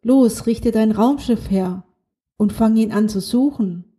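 A woman's voice: a little high, measured pace, dark tone, lightly acted. A woman voicing a small, cheeky talking snail in a children's audiobook, teasing and matter-of-fact.

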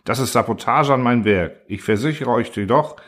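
A man reading the part of a condescending machine that rules by order and lectures its makers in a calm, lecturing manner. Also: medium pitch, moderate pace, close to an everyday voice. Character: cold, lecturing order-obsessed machine ruler.

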